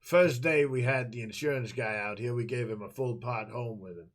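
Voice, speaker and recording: A man voicing a gruff older male harbor master who grumbles brusquely and casually. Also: medium pitch, normal speed, lightly acted.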